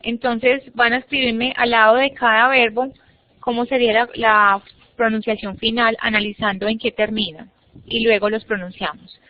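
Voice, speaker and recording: Patient teacher on a muffled online call. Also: female voice, on the high side, no room sound. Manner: patient, explains step by step, models words for students to repeat. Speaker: English teacher. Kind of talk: online class instruction. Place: online classroom. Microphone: computer mic on a video call. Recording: muffled, dry online-class audio.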